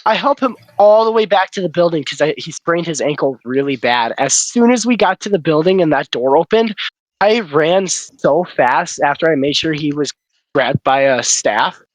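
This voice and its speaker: A man's voice: on the high side, animated, normal speed, no echo, poor audio. A young man brags through a story in casual chat, swearing constantly. He talks into his phone, and the sound is dry and close. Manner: crude, boastful storytelling. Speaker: chat participant.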